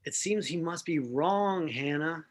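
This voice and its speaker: A woman reading the role of a sheepish husband, with a halting, hesitant delivery in a comic play reading. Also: sits low, expressive.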